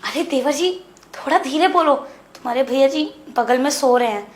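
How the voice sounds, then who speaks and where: A woman playing a frustrated young married woman who pleads with her brother-in-law, insistent and hushed. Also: high-pitched, animated, normal speed. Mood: pleading. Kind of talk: Hindi web series dialogue. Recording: echoey room.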